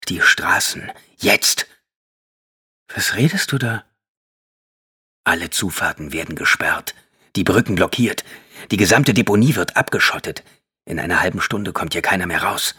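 A man voicing a hardened teenage courier in an audiobook, speaking in clipped, hushed urgency. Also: sits low, animated, moderate pace, long pauses, slightly rough, full character voice. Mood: urgent. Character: tense teenage male courier, hardened and hurried. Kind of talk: audiobook character voice.

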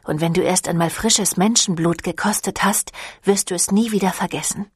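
A woman voicing a seductive, ancient female vampire clan leader in an audiobook, with a silky, teasing manner that drops into breathy whispers. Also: lowish voice, normal speed, dry recording, studio quality. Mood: coaxing. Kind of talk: audiobook reading.

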